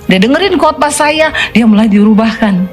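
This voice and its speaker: Woman pastor, middle-aged, animated storytelling sermon, casual asides, faint music underneath. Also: fairly high pitch, normal speed. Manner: lively storytelling with quoted voices and asides; colloquial, mixes in English phrases.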